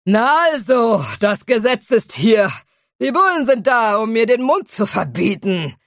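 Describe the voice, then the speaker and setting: A big, boastful male dragon, as a woman puts him on in an audiobook, loud and taunting with drawn-out words. His voice is pitched high above her own, lifted and pushed. Dry, close sound. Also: lively intonation, dry recording. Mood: rowdy, indignant. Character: drunk, boastful male dragon, brawling and grandstanding.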